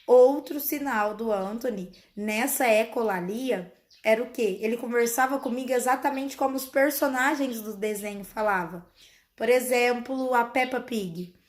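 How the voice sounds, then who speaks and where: Earnest mother, higher voice. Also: moderate pace. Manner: earnest, explanatory, often calls out to her viewers. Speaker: mother sharing her child's story. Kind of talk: casual vlog storytelling to viewers.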